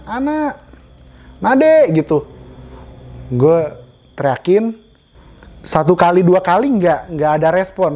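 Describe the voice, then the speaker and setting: A man's voice: a little high, dark tone. A man telling a first-person scary story in a casual, slangy way with a tense edge.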